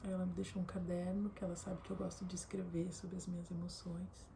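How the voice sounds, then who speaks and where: A young woman from southern Brazil chatting casually to camera from her bedroom, often slipping into a soft whisper. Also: fairly low pitch, flat delivery, fast talker, gravelly. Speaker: vlogger. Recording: faint background noise.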